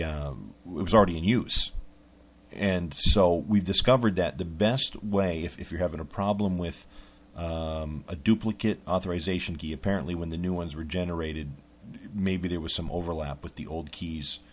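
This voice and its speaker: A man hosting a podcast, talking casually in a rambling monologue full of restarts. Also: sits low. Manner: rambling, lots of restarts and fillers. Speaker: podcast host.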